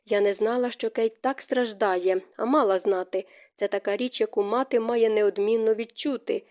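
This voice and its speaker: A woman voicing a gentle, remorseful middle-aged stepmother who speaks softly and tearfully. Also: fairly high pitch, steady tone, normal speed, lightly acted. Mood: sorrowful. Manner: soft, hushed, tearful delivery.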